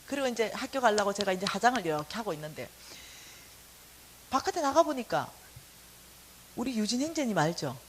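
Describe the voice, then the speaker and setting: A woman's voice: mid-range voice, a little fast, pauses often, poor audio. A middle-aged woman, a church staff lecturer, telling a personal testimony in a sermon style and acting out the quotes. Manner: animated storytelling, acting out quotes. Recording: faint hiss.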